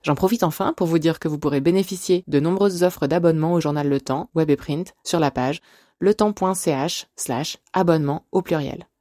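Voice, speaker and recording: A woman hosting a podcast, reading a measured scripted intro and asking interview questions. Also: sits low, mellow, no room sound, clean studio sound. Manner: clear, measured, announcer-like delivery.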